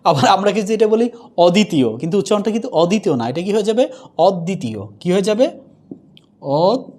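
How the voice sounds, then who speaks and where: A male teacher giving a pronunciation lesson, asking questions and answering them himself, and saying example words slowly more than once. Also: sits high, a little mellow.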